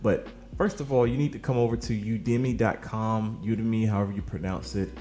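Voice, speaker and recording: Soft music plays behind a man whose lowish, slightly mellow voice moves a little fast. As host of an online marketing channel, he pushes offers in a hyped, salesy way, addressing viewers as "baby" and "man," though he's tired from filming late at night.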